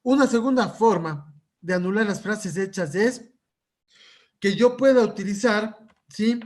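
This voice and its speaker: A man's voice: sits high, a little slow, a little mellow. A man lecturing at a conference on psychological first aid, checking in with his audience through frequent rhetorical questions.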